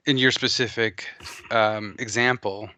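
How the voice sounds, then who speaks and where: Joking man with a bright voice. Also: fairly low pitch, fairly even intonation, unhurried, dry recording. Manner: joking, teasing banter. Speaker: podcast co-host. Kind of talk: casual chat.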